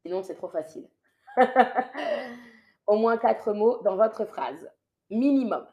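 A woman's mellow, mid-range voice carries lively intonation at a moderate pace as she teaches French on a live stream. Patiently, she reads and corrects viewers' sentences, repeating instructions often.

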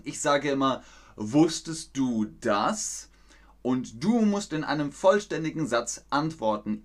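Slow-speaking man teaching German on stream. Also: medium pitch, fairly bright tone. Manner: slow, deliberate, repeats sentences for learners. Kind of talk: live stream language lesson, reading chat aloud.

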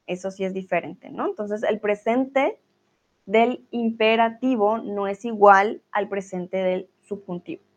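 A woman's voice: mid-range voice, a little slow. A woman teaching a live online grammar lesson, patiently reading out student comments and correcting them. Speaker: Spanish teacher.

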